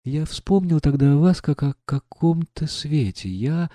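A male reader voicing a gentle, earnest young prince in an audiobook, pleading and sincere. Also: a little high, lively intonation, a little slow, dry recording, pitched above the performer's own voice. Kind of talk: audiobook reading.

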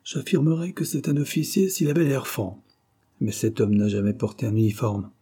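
A man voicing a big, brash young man who talks bluntly and provokes others with mocking calm. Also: mid-range voice, normal speed, breathy edge. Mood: scornful.

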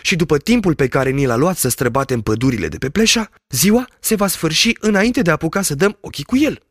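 A man's voice: fairly high pitch, animated, fairly bright tone, dry recording, studio quality, voice pushed up. A man reading an audiobook, voicing a fearful, fussy village doctor who pleads and protests in a raised, anxious voice. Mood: fretful. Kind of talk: audiobook character voice.

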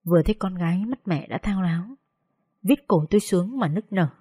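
A woman with a Northern Vietnamese accent, slowly and tenderly narrating a sorrowful story in the first person. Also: lowish voice, animated, dark tone, husky, no room sound, studio quality.

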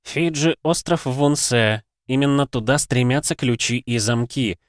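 A man voicing a soft-spoken, sardonic older male cardinal in an audiobook. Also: mid-range voice, unhurried, no echo, clean studio sound, voice pushed up, lightly acted.

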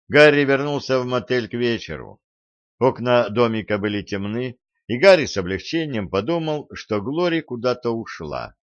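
Slow low-voiced male audiobook narrator. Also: dry recording. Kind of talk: scripted narration. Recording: dull lo-fi audiobook recording.

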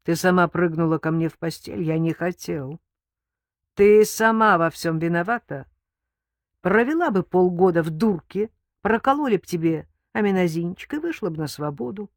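A man's voice: on the high side, animated, moderate pace, creaky, no echo, studio quality. A woman reading an audiobook, voicing a cold, threatening armed man who barks orders. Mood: harsh, commanding. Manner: barking orders, loud. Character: menacing armed young man, cold and commanding.

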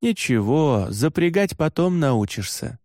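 A man reading an audiobook, voicing an older reindeer herder who gives steady, practical instructions. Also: on the high side, measured pace, dry recording, clean studio sound. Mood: calm instructing. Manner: steady instructing, calls out loudly from afar. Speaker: reindeer herder teaching the boy.

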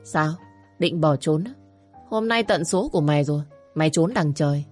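A woman's voice: sits low, animated, normal speed, a little mellow, soft background music. A woman voicing a swaggering young male thug who taunts and threatens in an audio story. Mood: taunting.

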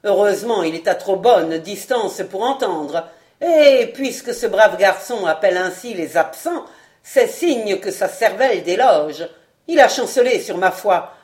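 A cruel, mocking man, a former acrobat who taunts a wounded enemy with cold irony, put on by a woman reading a storybook. He speaks in a carrying, scornful voice with a steady, middle pitch. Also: a little slow, lightly acted. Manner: ironic, sneering.

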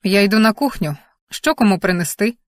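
A kind middle-aged father, warm and gentle, as a woman narrator reads him. The voice stays at her own middle pitch, with a dry, close sound. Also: expressive, brisk, dry recording, natural voice. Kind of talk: audiobook character reading.

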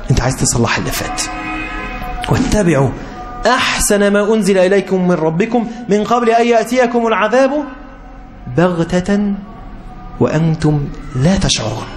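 Impassioned Egyptian preacher, high voice. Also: male voice, lively intonation, brisk, long pauses, soft background music. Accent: Egyptian Arabic. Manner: impassioned, rising to high emphatic pleas. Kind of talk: sermon.

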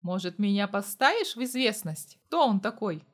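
A woman reading the lines of a blunt, excitable young man in an audiobook, staying close to her own voice. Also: mid-range voice, normal speed, natural voice. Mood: questioning.

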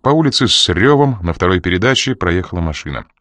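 A man reading an audiobook in a measured, expressive narration. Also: sits low, no echo, studio quality. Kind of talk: scripted narration.

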